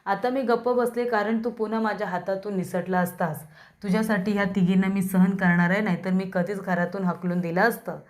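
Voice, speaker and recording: A woman reading the lines of a haughty woman who refuses to take in unwanted houseguests, in a sharp, dismissive tone. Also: medium pitch, steady tone, a little fast, natural voice. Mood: scornful.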